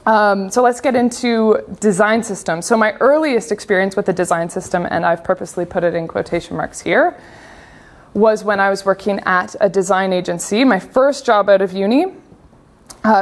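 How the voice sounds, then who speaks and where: A young woman with a Canadian accent gives a casual, chatty conference talk on design, her mid-range voice moving at a moderate pace. She fills her speech with frequent fillers.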